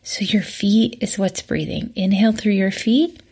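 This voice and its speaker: A woman leads a slow guided breathing exercise as a coach. Her mid-range voice is breathy and a little husky. She gives the inhale and exhale cues in a hushed delivery, often sinking toward a whisper. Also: mid-range voice, fairly even intonation. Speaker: podcast host and breathing coach.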